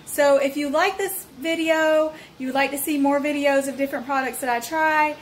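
Speaking into a phone held out at arm's length, this woman reviews a cleaning product from her home kitchen in a chatty, friendly way full of ums. Her voice is high-pitched with fairly even intonation and a moderate pace, over a little hiss or hum.

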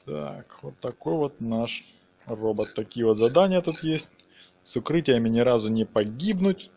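A man's gravelly, slightly mellow medium-pitched voice carries this casual gameplay walkthrough at normal speed. Expressive and fond of slangy diminutives, the let's player explains each step, with slight background noise present.

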